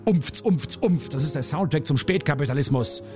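A man voicing his own misanthropic, hot-tempered alter ego, ranting and sneering over soft piano music. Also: a little high, moderate pace, lightly acted. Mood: ranting scornful.

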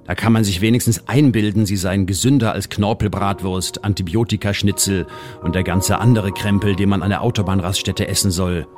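A man, the station's resident poet, reading his own comic short story aloud in a radio studio, with a dry, deadpan delivery and sudden high voices for the quoted characters. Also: fairly quick, music in the background.

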